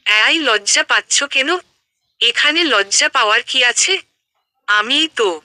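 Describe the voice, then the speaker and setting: A woman's voice: a little high, lively intonation, takes it slowly, pushed and bright, no room sound, heavily acted. A woman voicing an affectionate, teasing young man talking to his fiancée on the phone in an audio story. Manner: playful, teasing.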